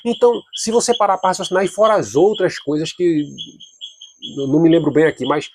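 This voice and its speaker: Giving a casual Bible study lesson, this man repeats himself, hesitates and restarts often, and becomes more forceful when arguing. He speaks briskly in a fairly high voice against slight background noise.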